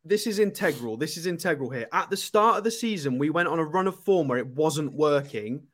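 A man's voice: fairly high pitch, expressive, fairly quick. A man arguing his point insistently as a panellist in a live football debate. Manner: argumentative, insistent.

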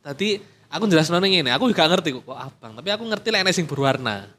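A man's voice: fairly high pitch, lively intonation, quick pace, a bit bright. A man with an East Javanese accent in casual chat, explaining things between jokes and laughter. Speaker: battery factory worker.

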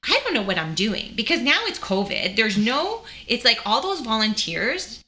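A woman's voice: a little high, moderate pace, a little hiss or hum. A young woman telling a personal story in casual chat, acting out the voices of people she quotes. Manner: animated, acts out quoted voices. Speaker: guest sharing her cancer story.

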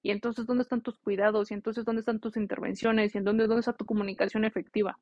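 A woman's voice: medium pitch, level tone, quick pace, a little mellow, no room sound. Young adult woman nurse, earnest heartfelt storyteller coaching students; slightly muffled, dry recording. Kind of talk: casual spoken monologue to nursing students.

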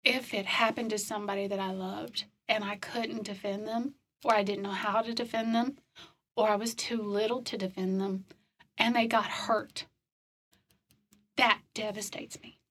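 A woman calmly recounting hard childhood memories in a slow, matter-of-fact way during a conversation. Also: medium pitch, slightly rough. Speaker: guest telling her life story. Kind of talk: personal storytelling in conversation.

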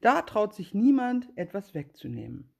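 A woman's voice: medium pitch, big pitch swings, moderate pace, creaky, darkish tone. A woman voicing a sly, greedy female cat who sweet-talks in a fairy-tale reading. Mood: coaxing. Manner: sweet-talking, coaxing, then curt.

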